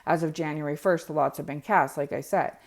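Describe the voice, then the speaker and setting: Low-voiced woman preaching while washing dishes. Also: fairly even intonation, fairly quick. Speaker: lay preacher sharing prophetic messages. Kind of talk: informal religious monologue. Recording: clear background noise of dishwashing clatter. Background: dishes being washed.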